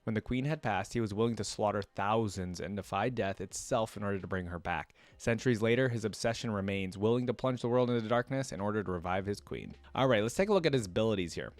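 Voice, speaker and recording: A fast-talking man with a fairly low voice reads lore aloud for a reaction video, barely pausing as he casually drops in comments between passages. He's close to the microphone, and there's no echo.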